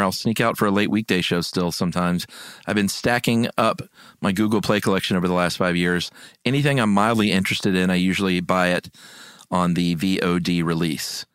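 Male host, low register, casual conversational delivery with some hesitation, dry studio sound. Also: fairly bright tone, smooth, no echo. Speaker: podcast host. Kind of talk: casual chat and reading listener comments.

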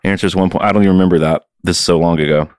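A man's voice: sits low, fairly even intonation, racing, darkish tone, clear, resonant tone, no room sound. A man co-hosting a podcast from his home music studio, chatting loosely with jokes and swearing. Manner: loose, joking and profane. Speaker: podcast co-host and touring musician. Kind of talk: casual podcast chat.

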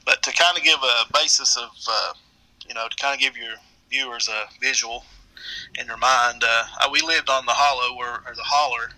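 A middle-aged man with an Appalachian accent, telling a story casually in a halting, rambling way. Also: mid-range voice, steady tone, pushed and bright, poor audio. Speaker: guest storyteller.

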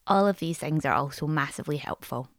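A woman's voice: deep voice, fast talker, heavy background noise. A woman hosting a podcast, reading a scripted narration. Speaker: podcast host.

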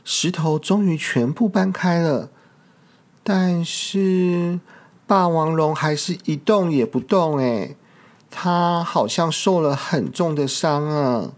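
A storyteller reading a picture book aloud for small children, gentle and expressive. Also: mid-range voice, takes it slowly.

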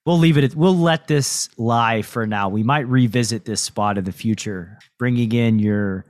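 A man's voice: medium pitch, normal speed, no room sound. Casual man on a dry podcast mic. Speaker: podcast host and poker coach. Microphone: close podcast mic.

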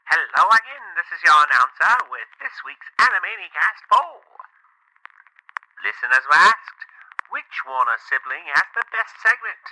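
A cheery old radio show announcer, as a man puts him on, delivers a podcast poll segment with a sharp, bright tone. His pitch is fairly high and swings up and down. The sound is dry and close. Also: very animated, normal speed, no echo, exaggerated voice, rough recording.

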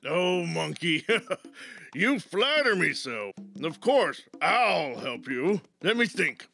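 A man's voice: fairly high pitch, big pitch swings, slow pace, vocal fry, bright, forceful tone, faint music behind, heavily acted. A man voicing a sly, wise male wild boar who is amused and scheming.

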